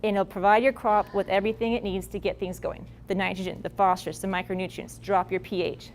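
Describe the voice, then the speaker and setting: A woman's voice: medium pitch, flat delivery, quick pace, slight background noise. A woman presenting farming advice at a workshop in a casual, blunt, folksy way. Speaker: agricultural presenter.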